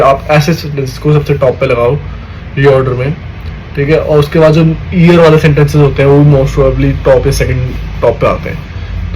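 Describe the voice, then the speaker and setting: Slight background noise and a rough recording surround this young man's mid-range, somewhat mellow voice. As a student vlogger, he gives exam tips in a chatty style, addressing his audience as "bhai" and regularly asking "theek hai" to check they're with him.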